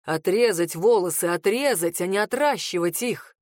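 A woman voicing a sardonic, commanding adult male mage in an audiobook, speaking slowly and dryly mocking. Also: animated, no room sound, clean studio sound, close to an everyday voice. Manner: slow, lowered, dryly mocking.

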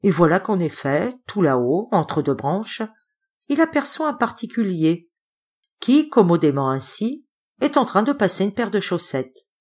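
A woman narrating a classic novel as an audiobook reader, with lively expressive storytelling. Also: mid-range voice, measured pace, slightly rough.

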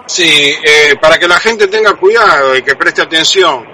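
A man co-hosting a sports radio show, heard over a distant, thin remote line with a bad connection, speaking in a calm, measured way. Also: on the high side, slight background noise. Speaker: radio co-host. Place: Costa Rica, remote from the studio.

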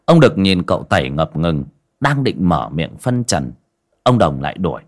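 A man narrating a horror story in an expressive, dramatic way. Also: deep voice, normal speed.

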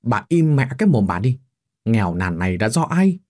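Man doing a rude angry son, snappy and contemptuous, husky voice. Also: medium pitch, big pitch swings, normal speed, darkish tone. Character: rude, scornful grown son, hot-tempered. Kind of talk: storybook narration with voiced characters.

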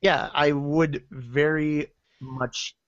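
Hesitant man podcaster, slightly higher voice. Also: steady tone, very slow, no echo, muffled recording. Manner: hesitant, filler-heavy. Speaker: podcast co-host. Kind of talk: casual TV episode discussion.

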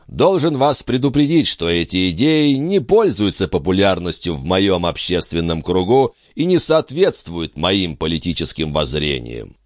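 A man's voice: low-pitched, very animated, normal speed, few pauses, no echo, studio quality. A man voicing a smug, pompous, self-important husband in a read-aloud story. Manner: pompous, sanctimonious.

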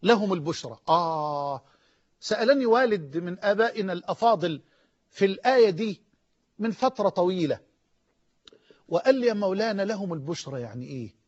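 Egyptian preacher guy, really high voice, fired up then going quiet, dull lo-fi sound. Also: expressive, brisk, long pauses. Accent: Egyptian Arabic. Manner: impassioned, rising to near-shouts and dropping low. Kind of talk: emotional Egyptian sermon. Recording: dull lo-fi audio.

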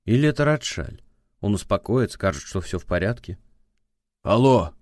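A man reading an audiobook in a measured, dramatic narration style. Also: fairly low pitch, very animated, no room sound, clean studio sound. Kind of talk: scripted narration.

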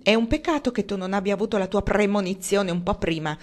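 A woman's voice: mid-range voice, quick pace, a little mellow, natural voice. Woman reading as a dry, sardonic uncle, barely shifted from her own voice. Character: dry, sardonic uncle, middle-aged man.

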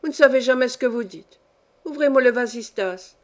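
A woman's voice: on the high side, fairly quick, natural voice. A woman reading a story aloud, voicing an imperious, capricious old countess who scolds and gives orders in a peevish, querulous way.

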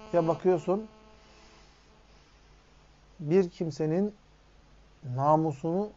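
A man giving a religious hadith lesson, putting rhetorical questions to his listeners. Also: sits high. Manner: asks the audience rhetorical questions. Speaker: religious teacher. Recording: dull lo-fi recording.

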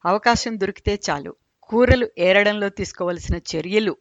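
A woman narrates amusing anecdotes in a relaxed, chatty way, with an amused edge. Her voice sits in a middle range. The recording sounds dull and dry, with no room echo. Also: mid-range voice, moderate pace. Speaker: storyteller. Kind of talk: humorous storytelling narration.

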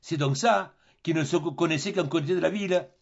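A man voicing an excitable, indignant grown man who exclaims in outrage. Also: on the high side, a little fast, gravelly, muffled recording, voice pushed up.

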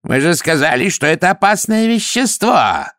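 A man voicing an indignant male assassin doctor who squeals in a shrill, high voice. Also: very animated, measured pace, creaky, no room sound, studio quality. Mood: shrieking.

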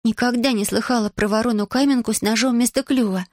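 A woman's voice: on the high side, fairly even intonation, fast, darkish tone, no echo, clean studio sound, pitched above the performer's own voice, lightly acted. A woman voicing an earnest, curious young village girl who asks lots of questions.

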